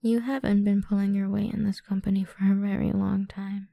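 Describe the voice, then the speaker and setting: For this ASMR roleplay, a woman lightly acts a cruel female boss toying with her employee, stern and menacing in a level, mid-range voice. The audio is dull with no room sound, recorded on a close, dry mic, and she speaks with deliberate, drawn-out condescension, often in breathy whispers.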